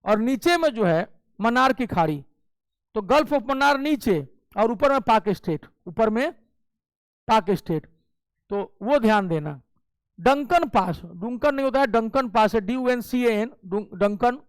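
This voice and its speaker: A man's voice: high voice, lively intonation, measured pace, smooth, no room sound. A male teacher giving an exam coaching lecture, explaining step by step and checking in often with his class. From Bihar. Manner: explains step by step with frequent "ठीक है" check-ins.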